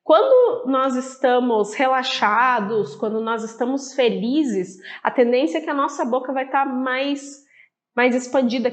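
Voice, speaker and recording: Chatty Brazilian woman explaining a book. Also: fairly high pitch. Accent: Brazilian Portuguese. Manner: conversational, addresses viewer directly with fillers. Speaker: book presenter. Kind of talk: casual explanatory talk.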